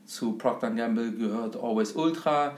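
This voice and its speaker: A man's voice: mid-range voice, normal speed. German man talking in an echoey room. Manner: thoughtful, frequent fillers, lecturing tone. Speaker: host. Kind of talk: conversational talk about investing.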